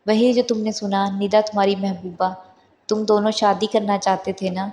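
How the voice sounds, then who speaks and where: A woman reading the lines of a hurt, proud and defiant young wife in a flat, even voice. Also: medium pitch, close to an everyday voice.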